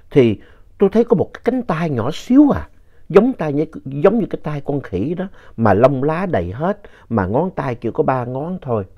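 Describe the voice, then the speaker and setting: A male storyteller reads out letters sent in by listeners. His voice climbs and swoops through the tense moments of each tale. The recording sounds dull and lo-fi. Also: medium pitch. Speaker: ghost story narrator reading listener letters.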